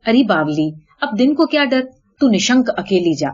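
A woman's voice: medium pitch, animated, warm tone, slightly rough, dull audio. A woman voicing a hot-tempered, boastful male jackal who blusters threats through gritted teeth, in a told folk tale. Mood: furious boasting.

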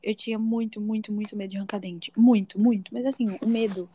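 A woman's voice: medium pitch, fairly even intonation, warm tone. A young woman, chatting with friends and telling a childhood story. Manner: quick and chatty, uses velho and tipo. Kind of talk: casual storytelling among friends.

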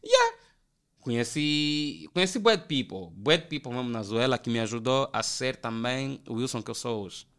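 A young man from Angola with an Angolan Portuguese accent, telling animated, slangy stories as a podcast guest. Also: medium pitch, normal speed, clean tone. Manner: animated, slangy, acts out quoted voices. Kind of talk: casual storytelling chat.

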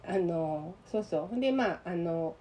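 A woman's voice: lowish voice, moderate pace. A woman with a Kansai accent, co-hosting a radio talk show and telling a story in casual chat, acting out the voices of the people she met. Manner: animated, acts out quoted voices.

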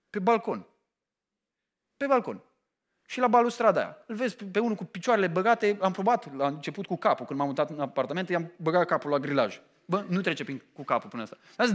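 A middle-aged man preaching a sermon, emphatic and animated, often pausing to ask his listeners questions. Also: a little high. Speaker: pastor.

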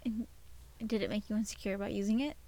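A woman co-hosting a podcast in casual chat, relaxed, with short replies and lots of "mm-hmm". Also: medium pitch, fast. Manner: relaxed, brief replies and back-channel "mm-hmm"s. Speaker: podcast co-host.

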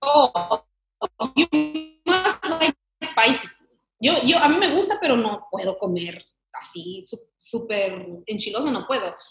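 Her voice sits high and creaky, with lively intonation, and she takes her time; faint music plays in the background of the echoey room. She's a young Mexican woman who makes comedy sketches, chatting animatedly and laughing often during a casual interview.

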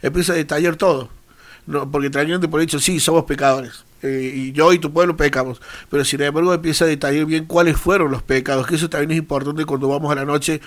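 A church radio co-host talks earnestly about prayer in a devotional segment, reading Bible verses aloud and quoting sample prayers. His voice is fairly high, his intonation fairly even, and he speaks fast.

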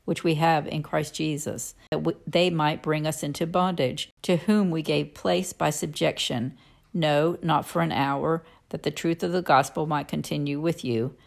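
Female scripture reader, low register, solemn and declamatory, measured phrasing for archaic biblical narration. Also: steady tone, gravelly. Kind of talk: solemn Bible reading aloud.

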